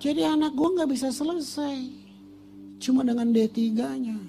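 A man's voice: extremely high pitch, moderate pace, vocal fry, dark tone, soft background music. An older man preaching a sermon as pastor, telling personal stories with emotion and casual slang.

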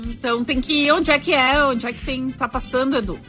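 A woman's voice: high-pitched, steady tone, a little fast, pushed and bright, soft background music. A woman on a radio show, joking and bubbly. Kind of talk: casual radio banter.

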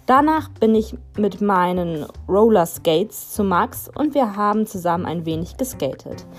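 A woman narrating a youth storybook in a lively way, putting on the characters' dialogue as she reads. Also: medium pitch, a little slow. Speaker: audiobook narrator.

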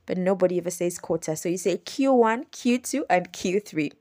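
A woman's voice: on the low side, animated, moderate pace, darkish tone. A young adult woman from Uganda, hosting a solo podcast and patiently explaining rules step by step, often repeating and correcting herself. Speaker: podcast host.

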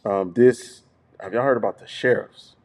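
A middle-aged man with a lowish voice co-hosts a relaxed group podcast. He tells stories at an easy pace, backing up to repeat words and checking in with his listeners as he goes. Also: normal speed. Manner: storytelling, repeats words, often says "you know what I'm saying". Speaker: podcast co-host. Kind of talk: casual group chat.

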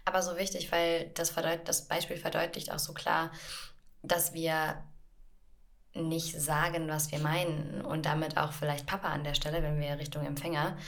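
A woman with a notably low voice co-hosting a relaxed podcast conversation. She explains with animated examples, often slipping into acted-out inner voices. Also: moderate pace, gravelly. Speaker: podcast co-host, coach.

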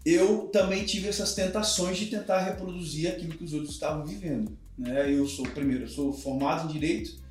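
A man's voice: fairly high pitch, brisk, few pauses. A man in his thirties, a pastor, speaking earnestly and emphatically in a podcast conversation. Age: 30s. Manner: earnest, emphatic, teaching with examples. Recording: very echoey room with music behind.

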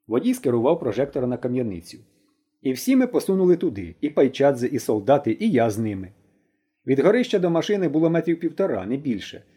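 A man reading an audiobook aloud with expressive storytelling. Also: medium pitch, quick pace, breathy edge. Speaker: audiobook reader. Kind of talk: audiobook narration.

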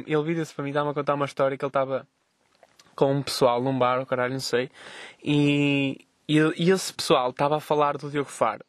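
A young man tells stories at a rapid clip, in a voice a little higher than most men's. He swears freely and jumps in and out of quick voices for the people in his stories. The sound is dry and close, with no room around it. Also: dry recording. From Vila Nova de Gaia, Portugal. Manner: animated, profane, acts out dialogue in quick voices. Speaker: podcast host. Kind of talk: casual storytelling vlog. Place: outdoors on a street.

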